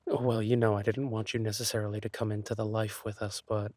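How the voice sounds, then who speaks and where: A man playing an insecure, lovesick thief boyfriend in a romantic audio role-play, speaking haltingly and tenderly. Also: lowish voice, little pitch movement, a little mellow, dry recording, lightly acted. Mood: wistful, gentle. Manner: hesitant, halting, sighing delivery.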